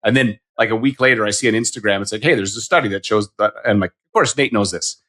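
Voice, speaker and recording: Host, man in his 50s, lower pitch, brisk rambling delivery. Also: sharp tone. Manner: chatty, self-deprecating, rambling questions. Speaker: podcast host. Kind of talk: casual interview.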